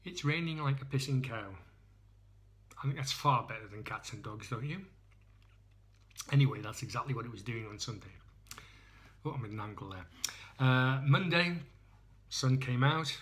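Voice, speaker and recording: A beer reviewer from England, filmed indoors on a handheld phone, chats and rambles through a tasting while teasing himself. His medium-pitched voice is fairly bright with lively intonation, a normal speed and frequent pauses.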